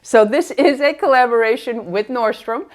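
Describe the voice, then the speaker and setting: A woman's voice: a little high, moderate pace. A middle-aged woman beauty vlogger chatting casually, her speech muffled by a face mask. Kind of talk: casual get-ready-with-me chat.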